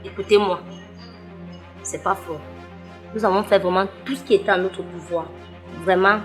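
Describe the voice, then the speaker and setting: A woman with a Cameroonian French accent playing a nurse who delivers bad news in a measured, solemn manner. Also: mid-range voice, steady tone, a bit bright, soft background music, natural voice.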